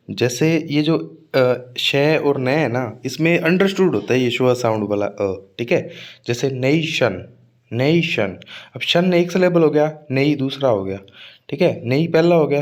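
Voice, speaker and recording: A man teaching an exam-prep English pronunciation lesson, speaking slowly and drawing words out to show stress, with frequent check-ins to his students. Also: mid-range voice, a little mellow. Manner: adds frequent tag checks like "ठीक है" and "है ना".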